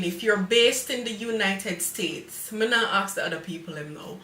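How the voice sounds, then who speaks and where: A woman's voice: on the high side, pushed and bright, echoey room, recorded from a distance. A woman with a Jamaican accent hosting a live cake-decorating tutorial, chatty and motherly as she gives viewers advice and calls them darling.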